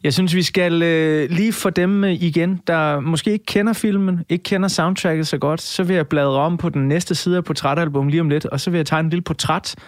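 Measured male podcast host, fairly high. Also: fairly even intonation, no room sound, clean studio sound. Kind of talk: conversational interview hosting.

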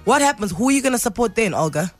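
A woman's voice: on the high side, very animated, rapid-fire. Playful woman hosting breakfast radio. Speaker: radio breakfast show host. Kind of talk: casual banter and interviewing. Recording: music bed behind the voice. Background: music.

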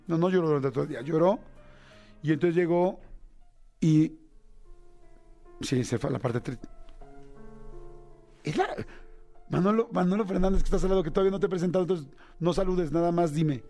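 A man, a radio host telling a jokey personal story in a casual, animated way. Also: fairly high pitch. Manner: jokey, animated, mimics voices in quotes. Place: radio studio.

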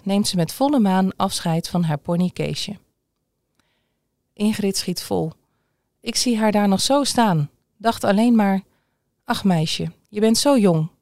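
A woman reading a news feature aloud in a calm, measured scripted narration. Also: mid-range voice, no echo, studio quality. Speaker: newsreader.

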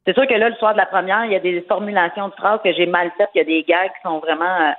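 A woman with a Québécois accent, a comedian guest chatting casually, talking quickly with many fillers and restarts. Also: fairly low pitch, steady tone. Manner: rapid, hesitant, full of fillers and restarts. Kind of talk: casual interview chat. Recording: narrow phone-like radio sound.

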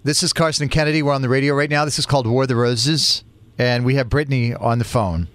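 A man hosting a radio prank-call segment from the studio, in a smooth radio host delivery. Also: medium pitch, steady tone, quick pace, dry recording.

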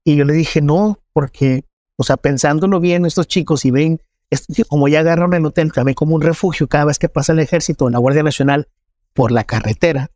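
A man with a Mexican accent gives a personal testimony, his slightly raised voice earnest and measured. The sound is close and dry. He tells it steadily, as a journalist recalling events. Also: a little high, a little mellow, dry recording. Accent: Mexican Spanish.

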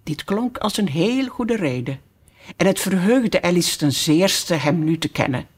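A narrator reading a children's classic aloud, in a calm, measured and expressive way. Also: mid-range voice, husky. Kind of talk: slow audiobook storytelling.

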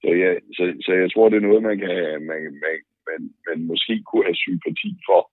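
A man's voice: low-pitched, dry recording. A man, a football association director, answers cautiously in a recorded interview and repeats himself. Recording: tinny phone line, dry.

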